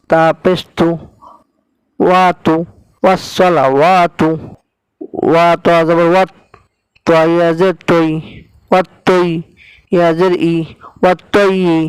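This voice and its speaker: Male recitation teacher with a Bangladeshi Bengali accent, spelling syllables one by one in a smooth voice, dry close sound. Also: sits high, flat delivery, slow pace, long pauses, dry recording, rough recording. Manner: spells out each syllable then blends it. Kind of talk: slow spelled-out recitation lesson.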